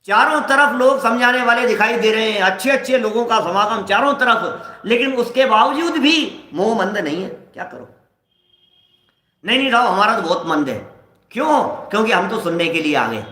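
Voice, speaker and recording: A man's voice: high voice, expressive, moderate pace, few pauses, sharp tone, roomy sound. A man giving a scripture discourse to a live audience, asking rhetorical questions and acting out everyday examples. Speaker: scripture lecturer.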